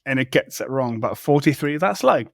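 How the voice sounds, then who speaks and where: A man's voice: mid-range voice, lively intonation, normal speed, gravelly, no room sound, studio quality. A man co-hosting a tech podcast, chatting casually in a rambling way, with restarts and the odd swear word. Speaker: podcast co-host. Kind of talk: casual chat.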